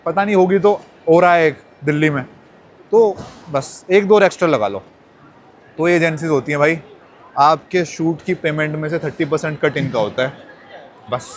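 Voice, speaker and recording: A young man with a fairly high voice chats casually with his viewers as he vlogs his way through a busy airport, greeting them as brothers like old friends. There's slight background noise.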